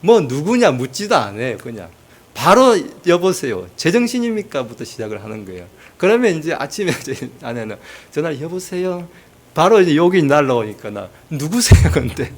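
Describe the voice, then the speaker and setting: A man's voice: medium pitch, sing-song, a little fast. Male pastor preaching, tells funny family stories, voice swings up and down a lot. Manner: storytelling with humor and acted quotes. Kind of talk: sermon.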